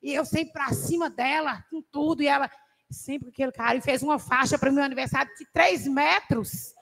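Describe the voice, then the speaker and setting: Woman, high gravelly voice, animated church testimony, long reverb of a hall. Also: moderate pace. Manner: animated storytelling, laughs often. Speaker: church class participant. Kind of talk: testimony in a Bible class.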